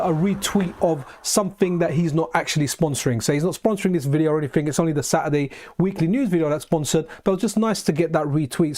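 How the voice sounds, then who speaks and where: His voice sits high as he runs a live retro gaming stream, excitedly talking, often restarting sentences and making side remarks to viewers.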